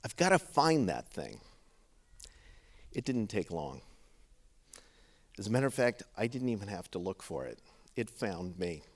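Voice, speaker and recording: A middle-aged man giving a heartfelt father of the bride speech to wedding guests, in deliberate, paused phrases. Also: lowish voice, animated, darkish tone.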